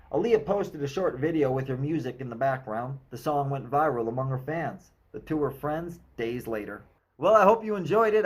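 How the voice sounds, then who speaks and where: A man reading his own novel aloud in a steady, measured narration, in short clipped sentences. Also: medium pitch. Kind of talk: audiobook-style narration.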